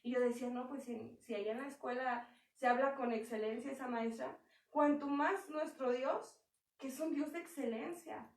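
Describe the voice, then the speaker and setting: Young woman, conversational sermon, high pitch, roomy hall sound. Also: moderate pace. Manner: conversational preaching with acted quotes. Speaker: church speaker. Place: church hall. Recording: echoey hall from far off.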